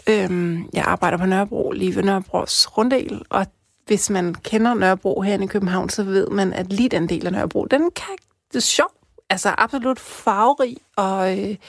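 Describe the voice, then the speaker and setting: A woman from Denmark casually telling a personal story, chatty with many fillers, dropping to a hush and then rising with excitement. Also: medium pitch, gravelly, dry recording, studio quality.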